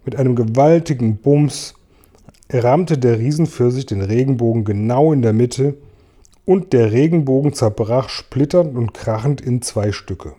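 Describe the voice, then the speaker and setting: Guy reading a kids book out loud, super dark mellow voice, calm. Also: medium pitch, unhurried. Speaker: reader. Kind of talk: storybook read-aloud.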